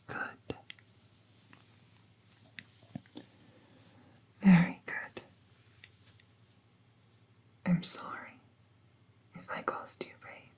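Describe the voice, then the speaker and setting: Speaking very slowly, a woman takes the role of a kind magical vet in an ASMR roleplay. Her voice is breathy and hushed, meant to calm and reassure.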